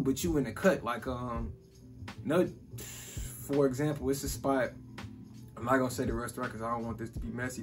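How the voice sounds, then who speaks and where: A man in his twenties from Chicago, hosting a casual chat about business and money, easygoing and saying "bro" and "like" constantly. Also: medium pitch. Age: 20s. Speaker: podcast host.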